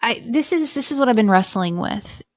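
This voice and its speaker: A woman's voice: a little high, expressive, moderate pace, no room sound, studio quality. A woman hosting an interview, speaking in a candid, reflective way about her own feelings. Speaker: podcast host. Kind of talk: casual conversational interview.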